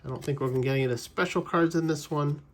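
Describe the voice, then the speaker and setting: A man's voice: on the high side, rapid-fire, a little hiss or hum. Chatty man ripping card packs. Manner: chatty, rambling trivia asides with self-corrections. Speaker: card-collecting channel host. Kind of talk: casual pack-opening commentary.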